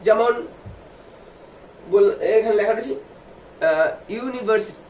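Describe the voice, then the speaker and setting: A man with a high voice gives a video lesson for students. He spells words out slowly, letter by letter, and answers the questions he asks. He sounds distant from the mic in a roomy space with faint noise behind him. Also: lively intonation, a little mellow. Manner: asks the viewers questions and answers them himself. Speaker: English tutor.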